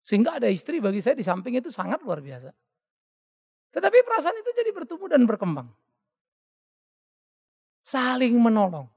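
Lively, gravelly-voiced preacher in a reverberant hall. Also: male voice, extremely high pitch, normal speed, long pauses. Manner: animated, joking, acts out quoted voices. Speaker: pastor. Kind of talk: sermon.

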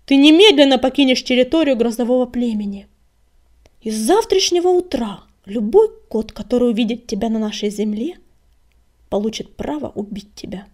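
A woman's voice: a little high, expressive, normal speed, natural voice. A woman doing a stern she-cat leader. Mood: stern verdict. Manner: sharp, harsh, shouting orders. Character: stern female clan leader cat, commanding.

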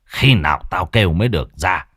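A man voicing a stern elderly village elder who barks gruff orders in a hoarse, husky voice. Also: low voice, lively intonation, fairly quick, fairly bright tone, dry recording, clean studio sound. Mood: commanding.

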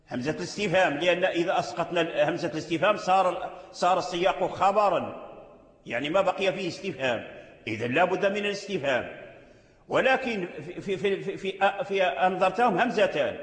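A Moroccan-accented man gives a recitation lesson in a high, ringing voice. He drags out each example word again and again. The room is echoey, and a long reverb trails after his words. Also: a bit bright. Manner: repeats and drawls out sounds to demonstrate pronunciation. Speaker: Quran recitation teacher. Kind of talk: explanatory lesson on recitation rules.

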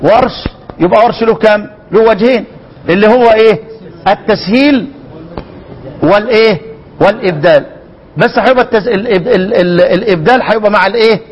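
A high-pitched Egyptian man teaching Quran recitation in a classroom lecture. He drills words over and over, stretching sounds out to demonstrate them, and keeps firing questions at his students. The recording is dull and lo-fi. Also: a little hiss or hum. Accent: Egyptian Arabic. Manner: repeats words with drawn-out demonstrations, quizzes students.

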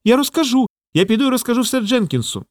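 A man voicing a shrill excitable little squirrel girl. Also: fast, dry recording, clean studio sound. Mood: defiant. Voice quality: shrill, squealing.

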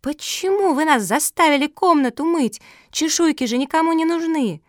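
A woman voicing a hot-tempered young female pug dog in a children's audiobook, shrill and shouting. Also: expressive, normal speed, no echo, studio quality. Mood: furious.

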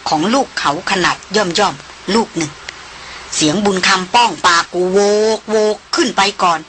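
A woman narrating an adventure novel as an audiobook, reading in a measured, descriptive way. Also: fairly low pitch, expressive, a bit bright, slight background noise.

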